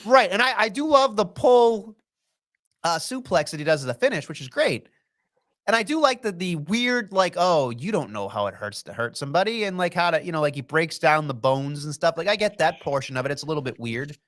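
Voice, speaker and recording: A man co-hosting a podcast with joking, profane chatter. His voice is high and swings widely in pitch as he talks. It is a loose, casual conversation. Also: expressive, a little fast, fairly bright tone. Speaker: podcast co-host. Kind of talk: casual wrestling chat.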